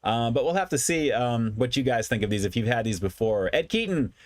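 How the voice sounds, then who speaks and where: A man's voice: mid-range voice, animated, fairly quick, no room sound. A man hosting a food review livestream, chatting casually with viewers and often repeating his phrases for emphasis. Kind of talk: casual livestream chat, reading and answering comments.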